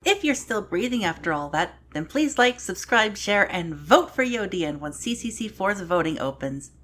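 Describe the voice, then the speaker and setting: A woman giving scripted narration for a language showcase, with deadpan sarcastic asides and sudden dramatic outbursts. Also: medium pitch, moderate pace.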